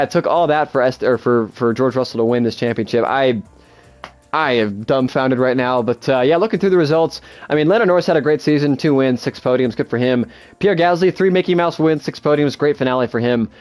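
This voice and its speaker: Excitable young man narrating his racing game. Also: medium pitch. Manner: excitable, swears freely, many fillers. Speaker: gaming YouTuber. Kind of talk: casual gameplay commentary.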